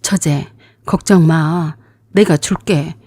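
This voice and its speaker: Woman putting on a lower-voiced man, gruff and scolding, mellow tone, dry close sound, radio drama. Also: slow pace, dry recording, exaggerated voice. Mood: pleading. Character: man, fiancé, pleading then defensive.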